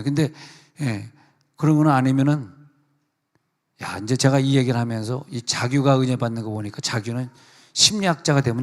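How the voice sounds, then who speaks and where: A senior pastor giving a chatty sermon at a prayer meeting, teasing the congregation and acting out quotes. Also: male voice, medium pitch. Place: church sanctuary. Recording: reverberant church hall.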